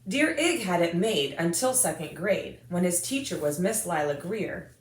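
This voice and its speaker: An American woman reading a rhyming children's picture book aloud in an expressive, singsong rhythm. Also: fairly low pitch, a little slow. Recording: echoey room.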